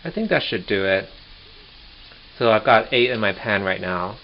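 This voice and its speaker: A man's voice: fairly low pitch, normal speed. Chatty man filming his own cooking. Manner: chatty and relaxed, narrating each step as he goes. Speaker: home cook vlogger. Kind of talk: casual cooking demonstration. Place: home kitchen. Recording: dull lo-fi home video with faint noise.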